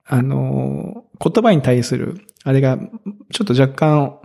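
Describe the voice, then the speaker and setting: A man's voice: mid-range voice, lively intonation, a little slow, vocal fry, dark tone. A man in his thirties as a podcast co-host, chatting in an easygoing, self-deprecating way with chuckles. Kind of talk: casual chat.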